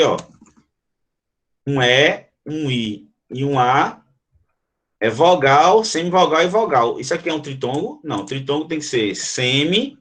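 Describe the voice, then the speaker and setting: In a fairly bright, mid-range voice, a Brazilian man leads an online grammar class. He explains things one step at a time and quizzes his students, speaking with a Brazilian Portuguese accent.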